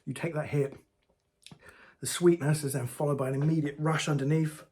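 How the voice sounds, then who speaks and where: A man's voice: fairly high pitch, fairly even intonation, moderate pace, darkish tone, husky. A man hosting a casual hot sauce review vlog, talking straight to his viewers in a chatty way.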